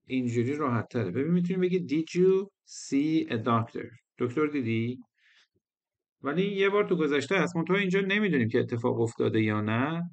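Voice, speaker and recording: A male English teacher explaining a lesson patiently, repeating phrases and switching between languages. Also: mid-range voice.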